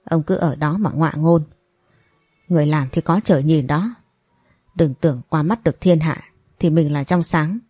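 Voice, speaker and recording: A woman doing a bitter older mother in an audio story, hurling reproach at the man who wronged her. The voice sits low and husky, with a mellow, dry closeness. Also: moderate pace, long pauses, no echo. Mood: furious, accusing. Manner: accusing, reproachful. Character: grieving, furious older mother confronting a man.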